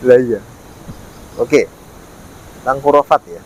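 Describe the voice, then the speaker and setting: Speaking slowly in a mid-range voice, a man addresses the camera casually as a ghost-hunting vlogger. He explains, says things more than once and uses tag words frequently, and the rough recording has faint traffic and surrounding noise.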